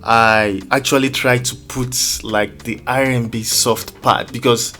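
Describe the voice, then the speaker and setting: A man with a medium-pitched, pushed and bright voice speaks casually in an interview as a music producer, a little slowly and with fairly even intonation. He is hesitant, reaching for words and explaining things in a roundabout way.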